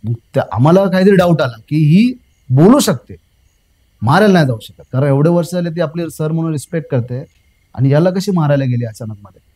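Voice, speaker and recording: A young man recounting something that happened to him in casual storytelling, repeating himself, filling pauses with "uh" and calling the host sir. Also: a little high, expressive, mellow, rough recording. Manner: rambling, repeats phrases, fills pauses with "uh", addresses the host as sir. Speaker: guest recounting a personal experience.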